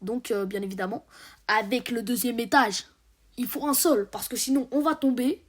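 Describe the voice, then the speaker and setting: A woman's voice: on the high side, normal speed. A teenage girl talking casually over her game footage, rambling and joking with lots of hesitation. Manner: rambling and jokey, with many hesitations. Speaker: gaming video creator. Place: home recording, voice dubbed over the game footage.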